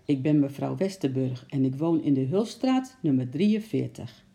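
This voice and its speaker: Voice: mid-range voice, expressive, normal speed, creaky, warm tone. A storyteller voicing an upset, polite well-to-do lady who speaks formally and anxiously.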